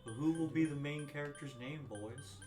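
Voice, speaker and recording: A man's voice: a little high, normal speed. A man playing a video game and chatting casually, with playful jokes and bits of game text read aloud. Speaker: gamer playing and commenting. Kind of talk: casual let's-play chat. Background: game music.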